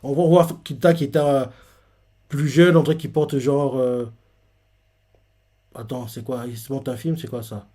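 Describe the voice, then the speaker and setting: A man's voice: medium pitch, steady tone, normal speed, pauses often, mellow. A man hosting a live manga reaction, retelling a chapter in a rambling way full of fillers.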